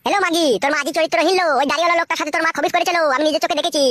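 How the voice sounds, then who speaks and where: A woman voicing a sulky young husband who mutters and swears in a low, sullen way. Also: steady tone, rapid-fire, fairly bright tone, no room sound, studio quality. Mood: cursing. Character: sulky grumbling young husband, son-in-law.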